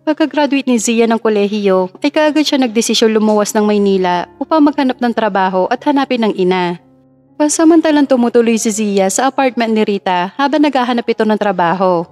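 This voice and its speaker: Female storyteller, steady emotive read, fairly high voice, faint music bed. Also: fairly quick. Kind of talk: dramatic story narration. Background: faint background music.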